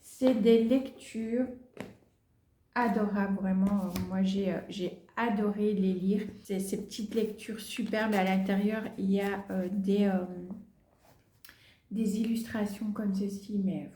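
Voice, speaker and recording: A woman's voice: medium pitch, fairly even intonation, slow pace, dark tone, slight background noise. A woman vlogging about books she wants to read, chatting casually, with many fillers and little asides as she holds books up to the camera. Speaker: book vlogger. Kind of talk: casual book haul chat. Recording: echoey room.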